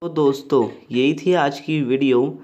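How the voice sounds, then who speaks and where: A man's voice: a little high, a little slow, darkish tone, muffled recording. A young man explaining a Hindi poem line by line in a plain, repetitive way, often calling his viewers friends. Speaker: tutor.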